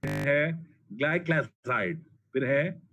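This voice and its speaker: A man's voice: fairly high pitch, animated, slow, a bit bright. A man giving a pharmacology lecture, blunt and colloquial, repeating drug names for emphasis. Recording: dull lo-fi classroom recording, faint noise.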